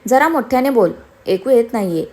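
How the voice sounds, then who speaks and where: A woman's voice: fairly high pitch, lively intonation, brisk, darkish tone. A woman voicing a confident, teasing young man in a storybook reading. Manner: playful, teasing.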